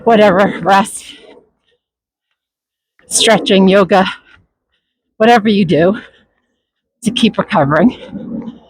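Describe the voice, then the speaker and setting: A runner talking while out running, reflecting in a motivational vlog in short, broken, unscripted phrases with pauses. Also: medium pitch, husky, dry recording, rough recording. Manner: reflective, halting, unscripted delivery. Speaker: runner vlogging.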